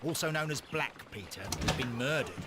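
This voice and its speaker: A man's voice: mid-range voice, expressive, moderate pace, noisy background, natural voice. A man playing an eager, deferential Victorian police inspector in a video game, briefing expressively in a British accent.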